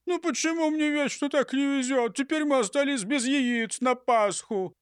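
A man's voice: high-pitched, big pitch swings, a little slow, dry recording, studio quality, pitched above the performer's own voice. A man playing a whiny clumsy robber. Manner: plaintive, sobbing complaints. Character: clumsy whiny male robber, easily upset. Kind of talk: audiobook character voice.

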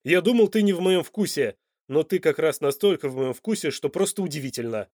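A man's voice: on the high side, expressive, brisk, darkish tone, dry recording, studio quality, natural voice. A man playing a blunt, passionate, demanding Italian lover in an audiobook. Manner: blunt and insistent.

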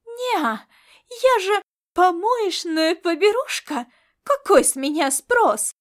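A woman reading an audiobook and voicing a female alien star cat crewmate who scolds and shouts. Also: very high voice, animated, takes it slowly, voice pushed up, full character voice. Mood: furious. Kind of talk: audiobook character voice.

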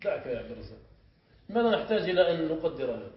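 In this echoey, muffled classroom recording with faint hiss, a male sheikh with a high, sing-song voice teaches Arabic morphology. He moves through the material step by step, frequently testing the class with quick questions.

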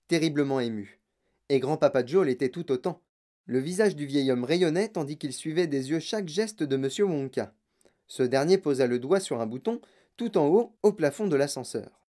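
An audiobook narrator reading a children's story in a measured, expressive way. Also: mid-range voice.

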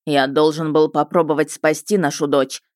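A woman's voice: low-pitched, flat delivery, normal speed, darkish tone, no echo, studio quality, natural voice. A woman voicing a gloomy, thin lord who is a father. He talks sullenly, with heavy sighs. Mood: grim.

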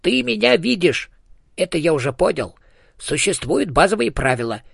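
A man's voice: high-pitched, sing-song, moderate pace, creaky, a bit bright, breathy edge, no room sound, clean studio sound, voice pushed up, full character voice. A man voicing the chatty, bossy ghost of a small male hamster in an audiobook, fussy and pushy. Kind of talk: audiobook character voice.

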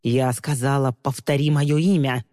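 A scornful woman villain sneers and taunts in a low, dark voice, as a woman narrator puts her on. Her contempt is steady and cold. The voice sits close and dry, trailed by a long reverb, like a storybook audiobook. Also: a little slow. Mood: taunting.

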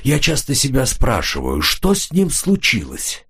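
A man's voice: mid-range voice, measured pace, gravelly, husky, pitched above the performer's own voice, heavily acted. A male audiobook narrator voicing a cold, hard-edged man who keeps pressing a nervous woman. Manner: flat, pressing, coolly menacing. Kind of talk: audiobook character reading.

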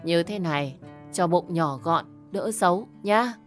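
A woman's voice: on the low side, measured pace, faint music behind, natural voice. A woman doing a bossy old mother-in-law. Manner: scolding, insistent.

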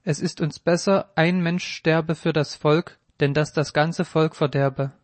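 A man voicing Caiaphas, a stern, scheming high priest, in a spoken Bible reading, with a solemn, measured delivery. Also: steady tone, dry recording, close to an everyday voice.

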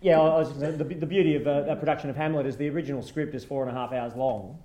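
A man with a mellow, dark voice talks about performing, his phrases halting and restarting as he searches for words. The room around him rings with echo. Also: on the high side, fairly even intonation. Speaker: stage actor. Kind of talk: casual interview chat.

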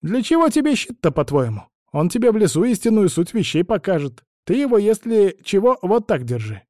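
A man's voice: high-pitched, sing-song, a little fast, mellow, no echo, clean studio sound, pitched above the performer's own voice. A man voicing a grumbling, cunning old witch woman who talks evasively. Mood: cagey. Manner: cranky, evasive, sing-song.

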